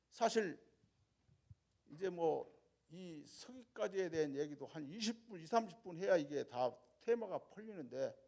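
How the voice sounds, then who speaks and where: A man, a church deacon, telling a lively testimony at a prayer meeting, going from loud to soft. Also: high-pitched, vocal fry. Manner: animated storytelling that swings between loud and soft.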